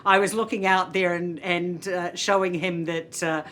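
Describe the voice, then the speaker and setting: A middle-aged woman with a New Zealand accent, a hotel executive chatting in an interview, laughing often and filling pauses with many uhs. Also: fairly low pitch, fairly even intonation, a bit bright, a little hiss or hum. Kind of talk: casual interview chat.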